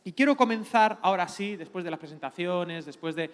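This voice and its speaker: A middle-aged man with a Spanish accent from Spain, a pastor giving a lively, joking teaching sermon. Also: high-pitched, brisk. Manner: lively, joking, playful preacher. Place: large church hall. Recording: long hall reverb.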